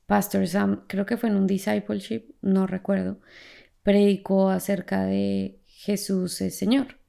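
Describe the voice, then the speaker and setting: Woman podcast host with a heavily creaky voice, an animated storyteller in a faith conversation. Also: mid-range voice, measured pace. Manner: animated storyteller who laughs as she talks.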